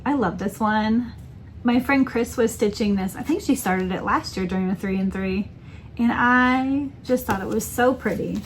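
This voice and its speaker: A woman's voice: a little high, moderate pace, slight background noise. A woman in casual chat as a crafting vlogger, rambling and correcting herself with many ums. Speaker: cross-stitch vlogger.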